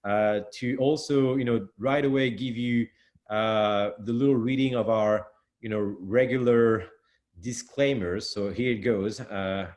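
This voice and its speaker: A man's voice: medium pitch, fairly even intonation, a little slow, a little mellow. A man with a French accent hosting an online panel webinar, talking with many fillers and restarts. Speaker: webinar host.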